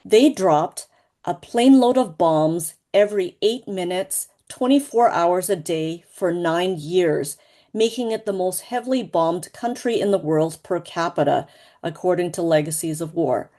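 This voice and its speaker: A woman from Laos, a co-author presenting at an online book launch, speaking in a measured, earnest way over a video call. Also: lowish voice, dark tone.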